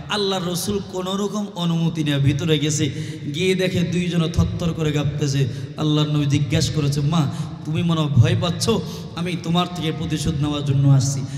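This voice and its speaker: A male preacher giving a waz sermon, swinging from soft storytelling to shouted appeals to the crowd. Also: on the high side. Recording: echoey loudspeaker sound with long reverb.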